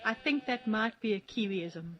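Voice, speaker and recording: A woman's voice: medium pitch, expressive, moderate pace, fairly bright tone. A woman co-hosting in casual banter, teasing and prodding the others along. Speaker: co-host. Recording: dull lo-fi audio.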